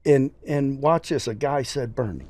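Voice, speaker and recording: A man's scratchy, slightly mellow voice, medium in pitch, runs at a moderate pace. He's a preacher appearing as a podcast guest in casual interview talk, speaking earnestly and emphatically with a folksy storytelling manner.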